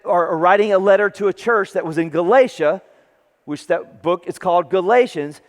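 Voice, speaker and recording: Southern male pastor, high voice, relaxed preaching with dramatic readings, reverberant sanctuary. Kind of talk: sermon. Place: large church sanctuary. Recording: long hall reverb.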